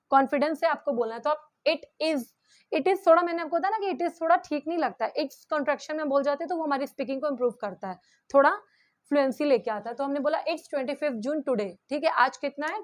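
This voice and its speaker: A young Indian woman with an Indian accent teaching an English grammar lesson, patiently explaining and reading example sentences slowly. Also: high voice. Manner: keeps checking in with "ठीक है".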